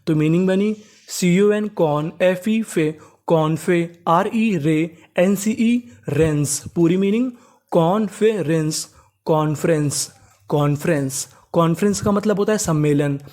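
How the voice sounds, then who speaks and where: A man teaching a reading class. He spells words out letter by letter, repeats them slowly, and keeps asking the class rhetorical questions. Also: on the high side, a little mellow. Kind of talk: classroom-style reading lesson.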